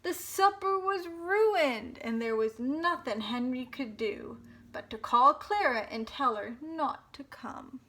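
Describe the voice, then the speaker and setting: A woman with a high voice reads a picture book slowly and dramatically for young children at storytime. A little hiss or hum is audible.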